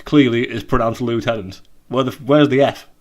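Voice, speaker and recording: A British man co-hosting a podcast over a video call, rambling and joking in casual chat, often trailing off quietly. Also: mid-range voice, fairly even intonation, fairly quick. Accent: British English. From Britain. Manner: rambling, jokey, trails off quietly at the ends of points. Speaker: podcast co-host.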